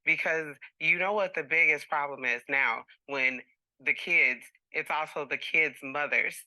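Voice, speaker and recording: A woman with a very bright, forceful voice, slightly low for a woman, makes her complaint as a TV court litigant. She sounds exasperated and aggrieved, hammering points by repeating them, with a close, dry sound. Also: unhurried, dry recording, poor audio.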